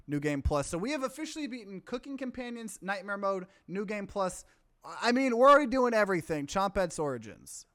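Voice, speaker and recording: Over game music, a gaming livestreamer rambles conversationally about what's on screen. The voice is medium-pitched and fairly bright, with no echo.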